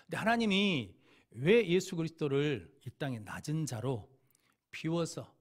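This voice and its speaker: A man preaching a sermon as pastor, telling stories with acted-out dialogue and swinging between soft asides and loud emphasis. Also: fairly high pitch, animated, measured pace. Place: church sanctuary.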